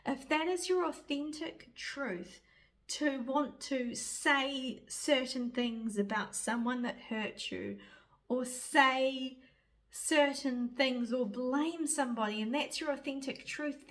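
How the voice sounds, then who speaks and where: A woman speaks in a gentle, soothing way, giving spiritual guidance. Her voice sits a little high. She talks slowly and reflectively. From New Zealand. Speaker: spiritual reader and guide.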